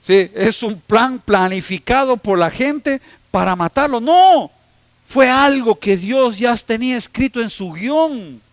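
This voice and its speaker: A man's voice: very high-pitched, lively intonation, unhurried, dry recording. A man preaching a sermon as pastor, telling stories with humor and teasing the congregation. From Ecuador. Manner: humorous, storytelling preacher who teases the congregation.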